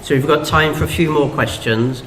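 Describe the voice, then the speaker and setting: A man's voice: fairly high pitch, fairly even intonation, moderate pace, a bit bright. A man chairing a public hustings and moving it along between questions. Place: indoor public meeting hall. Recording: echoey, noisy hall.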